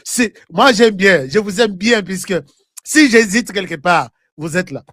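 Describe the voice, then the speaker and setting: A high-pitched man with a Congolese accent hosts a live online political show, mixing French and Lingala as he addresses viewers. Animated and argumentative at a measured pace, he fires rhetorical questions and repeats phrases for emphasis, recorded close and dry.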